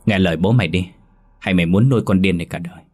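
A harsh mother-in-law snaps scornfully in a spoken horror tale, put on by a male storyteller. Her voice is low and husky. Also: racing, darkish tone, soft background music. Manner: scornful, pushy.

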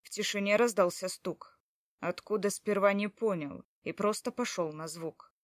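A woman's voice: mid-range voice, normal speed, dry recording, studio quality, close to an everyday voice. A woman reading as a hot-tempered, jealous man. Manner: brusque, swearing under breath. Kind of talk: first-person audiobook narration.

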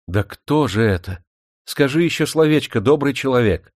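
A man voicing a blind young Roma woman, tender and sorrowful, speaking softly and plaintively. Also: mid-range voice, lively intonation, moderate pace, dry recording, clean studio sound, pitched above the performer's own voice, close to an everyday voice. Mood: yearning. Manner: soft, plaintive.

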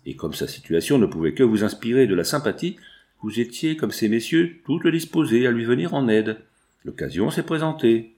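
A man's voice: mid-range voice, animated, normal speed, darkish tone, natural voice. A man reading an audiobook, voicing a cold, accusing, vengeful middle-aged magistrate. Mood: stern.

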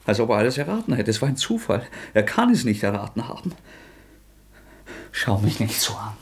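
A male actor takes the role of a tormented young killer in a radio drama, veering from sour mockery to feverish outbursts and soft whispers. His gravelly, husky voice is fairly low and exaggerated, with a sing-song quality and a slightly fast pace.

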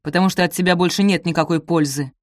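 Audiobook villain: icy, scornful middle-aged stepmother voiced by a woman, low and commanding, dry studio sound. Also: fairly even intonation, quick pace, no room sound, close to an everyday voice. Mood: cold, scornful. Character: cold, cruel middle-aged stepmother, hissing and contemptuous.

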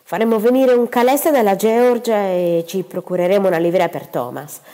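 A woman's voice: medium pitch, moderate pace, dark tone, lightly acted. A woman voicing a vain, self-pitying middle-aged mother with an affected, plaintive manner. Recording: long reverberant room.

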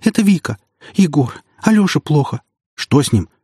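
A man's voice: fairly high pitch, big pitch swings, fairly quick, a little mellow, slightly rough, no echo, studio quality, pitched above the performer's own voice. A man narrating an audiobook, voicing a young pregnant woman crying in panic. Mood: frantic. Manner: frantic, wailing.

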